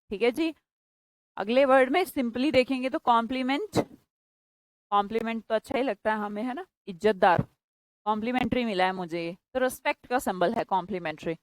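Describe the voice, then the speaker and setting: A woman teaching English vocabulary to a class in Hindi mixed with English words, stretching key words slowly and scolding students by name. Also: on the high side, no room sound, poor audio. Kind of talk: classroom lesson.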